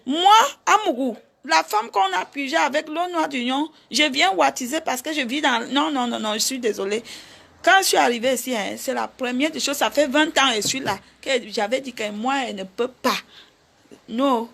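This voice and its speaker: A middle-aged woman with a Cameroonian accent, chatting live with her viewers, handing out advice in an animated, chatty way. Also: sits high, normal speed, creaky. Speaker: vlogger. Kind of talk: casual live chat with viewers.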